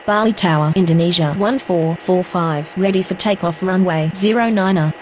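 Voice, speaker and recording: A woman's voice: on the low side, moderate pace, lightly acted. A woman giving clipped, formal pilot radio calls in air traffic phraseology. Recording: faintly noisy, vehicle-like background.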